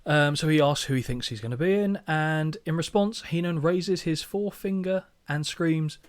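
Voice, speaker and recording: A man's voice: on the high side, normal speed. A man co-hosting a podcast, talking in a sarcastic, jokey way with plenty of swearing. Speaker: podcast co-host. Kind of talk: casual chat.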